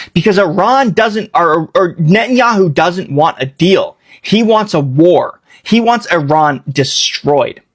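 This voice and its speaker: A man giving blunt, heated political commentary, with swearing. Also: high voice.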